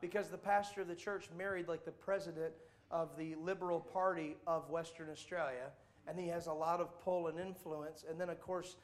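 High-voiced animated preacher man. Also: moderate pace. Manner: jokey, does voices and mock accents in quotes. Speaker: traveling evangelist preacher. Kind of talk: animated sermon storytelling.

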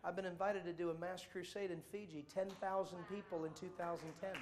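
A man preaching to a congregation, telling travel stories in a jokey, animated way with playful mock voices. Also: high voice, brisk, over a noisy crowd. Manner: jokey, does voices and mock accents in quotes. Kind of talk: animated sermon storytelling.

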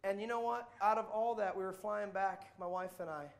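A man preaching to a congregation, telling travel stories in a jokey, animated way with playful mock voices. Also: high voice, moderate pace, gravelly. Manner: jokey, does voices and mock accents in quotes. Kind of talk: animated sermon storytelling.

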